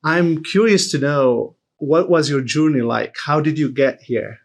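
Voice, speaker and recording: A man hosting a podcast, opening the show and welcoming his guest with clear, polite questions. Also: fairly high pitch, unhurried. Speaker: podcast host. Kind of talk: interview introduction.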